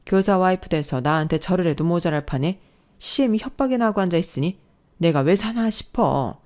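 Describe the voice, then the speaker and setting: A woman's voice: lowish voice, lively intonation, brisk, darkish tone, natural voice. A woman voicing a domineering, scornful older mother-in-law who scolds and belittles. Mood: indignant. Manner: scolding, contemptuous.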